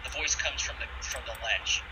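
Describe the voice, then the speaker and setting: A man's voice: medium pitch, moderate pace. A man running a tabletop game as game master, moving between casual table talk and descriptive narration. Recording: distant mic with clear background noise.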